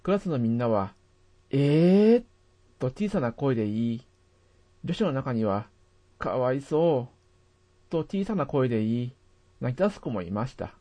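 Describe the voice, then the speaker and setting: A man narrating a first-person memory as a steady, measured scripted reading. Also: medium pitch.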